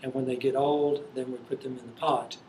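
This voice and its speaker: A man gives an unscripted interview as a farmer, explaining things in a halting, hesitant manner. His voice sits at an average pitch. The room is clearly echoey, with faint noise behind him. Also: steady tone, darkish tone.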